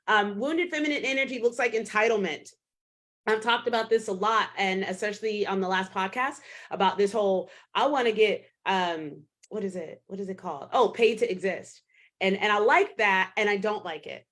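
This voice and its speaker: A woman in her thirties hosting her own podcast as a fitness coach, talking casually and bluntly, with swearing and quick impressions of her clients. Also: mid-range voice, fairly bright tone. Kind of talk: casual solo podcast monologue.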